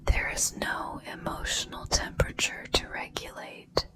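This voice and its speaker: In a whispered ASMR pep talk, a woman offers affirmations in a soft, breathy, reassuring and deliberate way, leaving pauses between each phrase.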